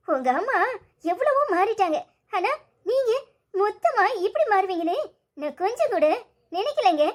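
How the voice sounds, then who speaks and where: A woman voicing a pregnant young wife in a cartoon story, pleading and reproachful with her husband. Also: extremely high pitch.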